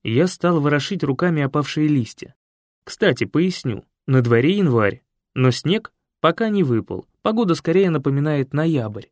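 A man narrating a humorous first-person story in a lively storytelling way. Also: fairly high pitch, moderate pace, no room sound, clean studio sound.

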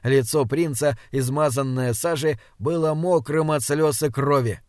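Male narrator, dramatic steady read, slightly high voice, dry studio. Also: a little slow, dry recording. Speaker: audiobook narrator. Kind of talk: scripted narration.

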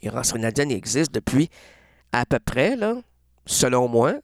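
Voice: mid-range voice, moderate pace, no room sound, voice pushed down. A performer voicing a dry, pedantic male radio host in a comedic sketch. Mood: deadpan. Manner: deadpan, flat, nitpicking.

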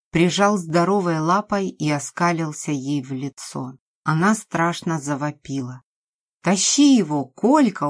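Female audiobook narrator, low voice, expressive dramatic reading.

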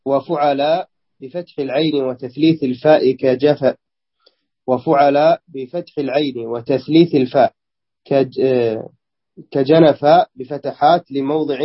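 Husky man reading a text aloud. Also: medium pitch, highs cut off. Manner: careful reading with small slips and restarts.

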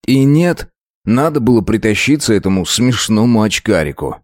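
A man narrating a first-person story in a measured, dramatic reading. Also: on the low side, sing-song, a little mellow, no echo, studio quality.

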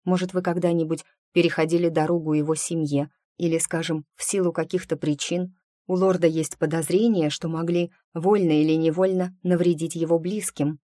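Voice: mid-range voice, flat delivery, moderate pace, warm tone, no room sound, clean studio sound, natural voice. A reader voicing a young, curious and anxious female apprentice in an audiobook, who asks eager, pressing questions. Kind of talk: audiobook character reading.

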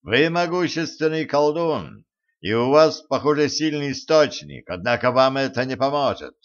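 A man's voice: medium pitch, lively intonation, moderate pace, highs cut off, voice pushed up, close to an everyday voice. A man voicing a coldly polite, mocking enemy. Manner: sardonic, menacingly polite. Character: cold, mocking male adversary, coolly polite.

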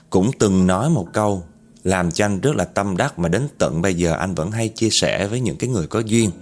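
A man's voice: fairly low pitch, a little mellow. A man with a Southern Vietnamese accent narrating a true story conversationally, often addressing his listeners directly.

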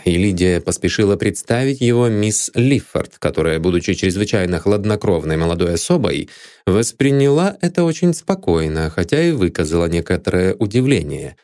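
A man's voice: low-pitched, animated, moderate pace, a little mellow, no room sound, clean studio sound. A man reading a detective novel aloud as an audiobook narrator, telling the story expressively.

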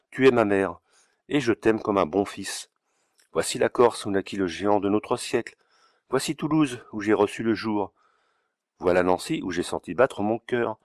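A man's voice: lowish voice, no echo, clean studio sound, lightly acted. A man voicing a fiery, grandiloquent young Napoleonic colonel in a declamatory storybook reading. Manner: declamatory, emphatic.

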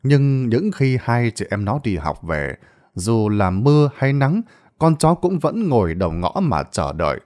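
A man's voice: medium pitch, sing-song, unhurried, darkish tone. A man narrating a Vietnamese ghost story in a dramatic storytelling style.

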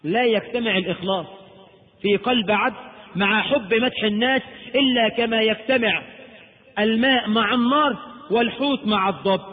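A high-voiced man preaching in an Egyptian accent, impassioned and swinging between loud emphasis and hushed asides. The recording is narrow and phone-like. A long hall echo trails behind every line. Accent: Egyptian Arabic. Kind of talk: Egyptian Arabic sermon.

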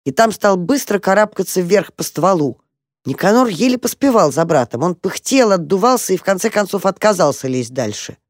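Calm storybook narrator, dry sound. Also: medium pitch, brisk, no room sound.

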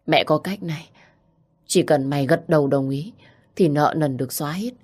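A woman's voice: low-pitched, normal speed, a little mellow, slightly rough. A woman voicing a desperate middle-aged mother in debt, who pleads with her daughter in a tearful voice. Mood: coaxing.

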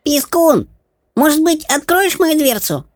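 Shrill squeaky little goblin, rude and bossy, way up high, strange thin tone. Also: male voice, big pitch swings, measured pace, dry recording, studio quality, full character voice. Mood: wheedling. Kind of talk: audiobook character voice.

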